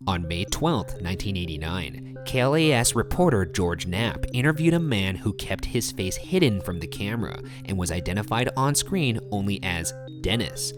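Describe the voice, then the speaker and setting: A man reading scripted documentary narration in a measured way, setting quotes apart. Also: fairly low pitch, very animated. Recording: voice-over with clear music behind.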